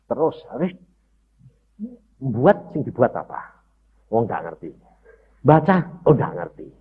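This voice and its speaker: A man's voice: mid-range voice, creaky, slightly rough. A man preaching a sermon, telling a personal story and addressing the congregation directly. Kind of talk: sermon testimony. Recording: dull lo-fi sermon audio.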